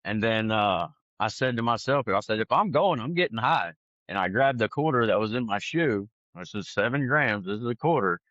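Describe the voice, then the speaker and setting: A man telling his testimony in an animated, conversational way. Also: on the low side, normal speed, no room sound, dull audio. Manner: animated, acts out other people's lines. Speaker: guest sharing his testimony. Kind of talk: conversational storytelling.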